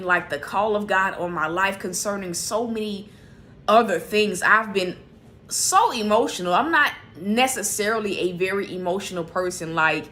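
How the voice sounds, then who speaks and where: A woman's voice: mid-range voice, bright, forceful tone. A woman hosting a ministry livestream, speaking in a heartfelt, confessional way, emotional and close to tears, with many fillers like "you know" and "like". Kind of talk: candid spiritual sharing on a livestream. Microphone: streaming setup.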